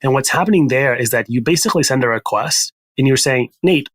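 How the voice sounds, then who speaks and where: In a brisk, conversational podcast interview, a startup founder from Spain explains his product as the guest. He speaks in a mid-range voice.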